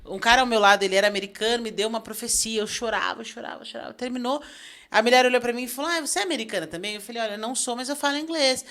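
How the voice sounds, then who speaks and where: A woman from Brazil hosting a podcast, telling a story in an animated, emotional way. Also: fairly high pitch, racing. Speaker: podcast host. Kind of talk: casual interview storytelling.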